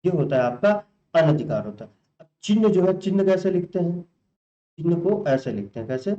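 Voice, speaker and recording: Male tutor, mellow voice, fairly high, roomy muffled sound, asks his learners the answer again and again. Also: big pitch swings, normal speed. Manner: repeats each answer as a question to the learners. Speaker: Hindi exam tutor. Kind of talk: teaching spelling questions to the class.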